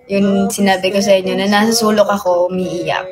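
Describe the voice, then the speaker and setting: A woman in casual chat, soft and reflective, dropping English phrases into her talk. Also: mid-range voice, flat delivery, fairly quick. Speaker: partner sharing her side. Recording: loud music behind the voice.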